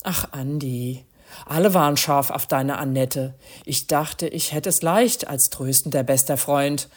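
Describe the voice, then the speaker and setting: A woman's voice: rumbling low, measured pace. A woman doing a meek, guilty man. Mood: sheepish. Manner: sheepish, hushed. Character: meek, guilty middle-aged man, thin voice. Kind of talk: storybook reading.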